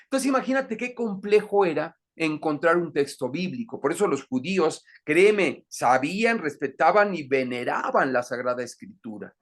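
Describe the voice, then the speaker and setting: Hombre de voz aguda explicando con paciencia. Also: male voice, a little high, animated, moderate pace, hardly any pauses, fairly bright tone. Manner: explains with frequent check-ins to the listener. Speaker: Bible class teacher. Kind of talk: catechism lesson.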